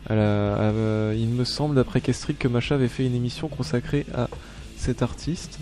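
A man's voice: medium pitch, steady tone, normal speed, dark tone, soft background music. A man hosting a live radio show, chatting casually between songs with many hesitations and restarts. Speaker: web radio host.

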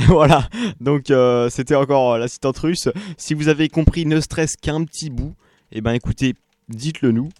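A man's voice: medium pitch, normal speed, a little mellow, dry recording. A man hosting a radio show, chatting casually with listeners and hesitating often. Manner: hesitant, full of fillers and restarts. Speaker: radio host. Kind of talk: casual on-air chat with listeners.

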